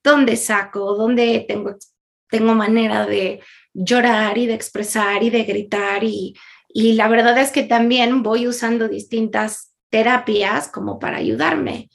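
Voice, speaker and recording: A woman talks openly in an interview, her fairly high voice carrying a lot of vocal fry. She laughs easily, fills pauses with small hesitations, and keeps a sincere, chatty tone. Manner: earnest, laughs often, many fillers. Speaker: interview guest. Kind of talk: candid conversational storytelling.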